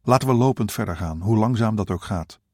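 A man voicing a frail elderly wife who softly pleads not to be separated from her husband. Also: lowish voice, brisk, no echo, clean studio sound, close to an everyday voice. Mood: anxious. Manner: pleading, soft.

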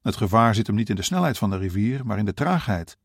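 A broad, bearded boatman in a storybook reading, plain-spoken and kindly, a touch louder than the narration, as a male reader voices him. The voice is low and dry. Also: very animated, fast talker, husky, no echo, heavily acted. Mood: matter-of-fact. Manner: matter-of-fact, reassuring. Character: burly middle-aged bearded boatman, kindly and practical.

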